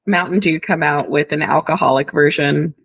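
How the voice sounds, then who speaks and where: A woman's voice: low-pitched, steady tone, moderate pace, gravelly, breathy edge, dry recording. A woman co-hosting a podcast in casual chat, congested from a summer cold, chatty and teasing. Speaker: podcast co-host. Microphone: remote call.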